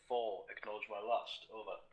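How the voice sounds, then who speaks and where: A man giving brisk, formal convoy orders and call signs over a walkie-talkie radio net. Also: lowish voice, flat delivery. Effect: heard over a walkie-talkie radio net. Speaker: convoy commander in a military sim game. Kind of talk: clipped radio procedure. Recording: muffled lo-fi radio with faint hiss.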